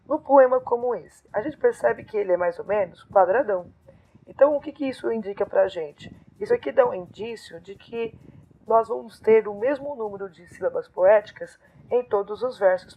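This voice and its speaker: A woman's voice: medium pitch, husky. A woman teacher explaining poetry scansion step by step, counting syllables aloud in a lesson. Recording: phone-like narrow sound.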